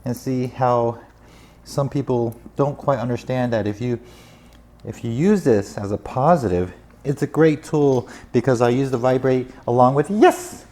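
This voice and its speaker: A man's voice: medium pitch, measured pace, warm tone. A man working as a dog trainer, patiently explaining training steps to a dog's owner. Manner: patient, instructive.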